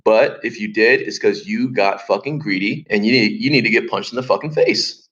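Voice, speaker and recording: Blunt guy swearing a lot, kinda low voice, muffled lo-fi discord audio. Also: normal speed, fairly bright tone. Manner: blunt, profane, laughs between points. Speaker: Discord voice chat participant. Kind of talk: casual chat. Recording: lo-fi voice chat audio.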